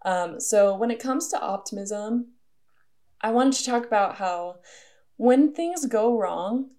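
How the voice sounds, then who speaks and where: A woman's voice: mid-range voice, darkish tone. Earnest young woman hosting a podcast. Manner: casual and earnest, many "like" fillers. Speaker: podcast host. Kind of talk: solo podcast monologue.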